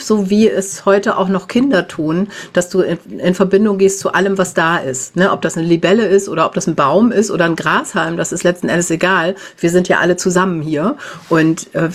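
A woman in her fifties, a podcast guest who talks in a chatty way and often tags her sentences with a questioning "ne?". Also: on the low side. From Germany, raised in the Netherlands. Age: 50s. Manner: chatty, warm-hearted, lots of "ne?" tags. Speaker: podcast guest, animal communication teacher. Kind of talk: casual podcast interview.

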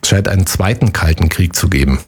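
A man hosting a podcast quiz, chatting casually and joking, then reading the questions out slowly. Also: low voice, darkish tone, breathy edge. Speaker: quiz host.

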